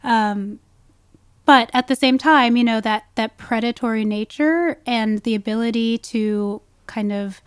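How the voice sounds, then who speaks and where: A woman, a guest wildlife ecologist, explains things in a conversational podcast interview with frequent "you know" asides. Her voice is a little high, clear and resonant, her pace measured, and the recording dry.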